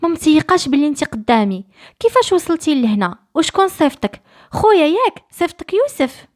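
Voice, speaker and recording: A woman's voice: on the high side, animated, fast, natural voice. A woman with a Moroccan accent voicing a distraught young woman held by a sultan, pleading with her brother.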